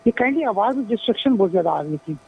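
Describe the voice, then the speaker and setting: A man, a senior advocate giving legal analysis over the phone, deliberate and dropping English legal terms into his speech. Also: high voice, lively intonation, gravelly. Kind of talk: phone-in interview. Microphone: telephone. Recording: tinny phone line.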